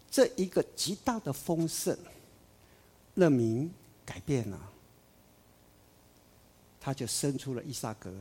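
Husky, animated male preacher. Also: medium pitch. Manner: emphatic, swinging between loud declarations and soft asides. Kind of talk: sermon.

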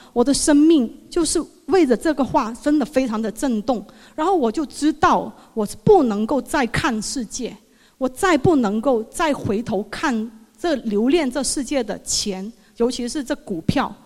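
A woman giving an emotional religious testimony, earnest and halting, often repeating her words. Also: high-pitched, animated, darkish tone. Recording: long reverb of a hall.

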